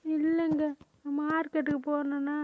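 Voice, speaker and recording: Woman voicing a worried cartoon mother, scolding, high voice, faint hiss. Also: level tone, moderate pace, phone-quality sound, close to an everyday voice. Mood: tearful. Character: worried village mother and wife.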